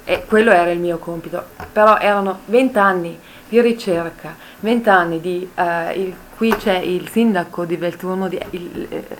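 Halting, modest woman. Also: fairly low pitch, rough recording. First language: not a native Italian speaker. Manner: halting, self-correcting, modest. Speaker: book co-author speaking at a presentation. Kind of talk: informal public talk. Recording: faint ambient room noise.

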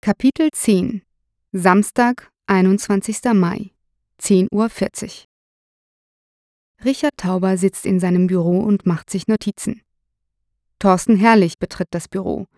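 Measured female audiobook narrator. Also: medium pitch, darkish tone, no echo, studio quality. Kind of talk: scripted narration.

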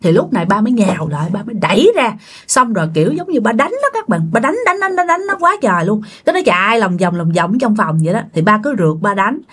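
A woman's voice: mid-range voice, very animated, fast talker, husky. A woman telling a ghost story, speaking animatedly and addressing her listeners directly. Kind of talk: spoken ghost story narration.

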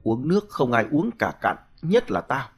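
A man's voice: mid-range voice, very animated, normal speed, slightly rough, faint music behind. A male storyteller voicing a greedy young thug who talks crudely and bullies an old man. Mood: coaxing. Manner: crude, bullying and taunting.

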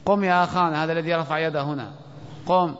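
A man teaching an Arabic grammar lesson in a classroom, quizzing his students and reciting verse slowly. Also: a little high, fairly even intonation, fairly bright tone, a little hiss or hum. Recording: dull lo-fi audio with long hall reverb.

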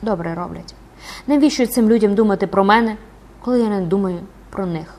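A bitter, anguished old recluse woman, worn down and grim, breaking into frenzied curses, as a female audiobook narrator puts her on. Her voice sits at a middling pitch. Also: fairly quick, a little mellow, lightly acted. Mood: bitter weary. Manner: grim, cursing in frenzied cries.

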